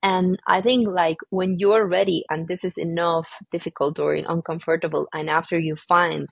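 Husky, gravelly woman explaining earnestly. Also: fairly low pitch, steady tone, moderate pace, no echo. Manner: earnest, explanatory, non-native phrasing. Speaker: guest. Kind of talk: conversational interview.

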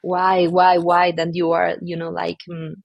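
Husky, gravelly woman explaining earnestly. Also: fairly low pitch, monotone, measured pace, no room sound, dull audio. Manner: earnest, explanatory, non-native phrasing. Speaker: guest. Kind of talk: conversational interview.

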